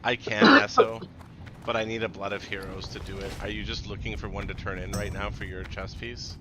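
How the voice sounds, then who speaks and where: A man leading a raid group over casual gaming voice chat, relaxed and swearing freely as he organizes everyone. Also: lowish voice, fairly quick, a crowd in the background. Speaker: raid leader and streamer.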